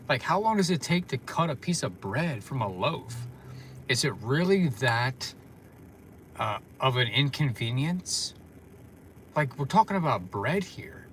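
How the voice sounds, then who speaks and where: A man's voice: mid-range voice, fairly bright tone, slight background noise. A tired man chatting casually on a livestream from his parked car, rambling with lots of fillers. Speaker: vlogger.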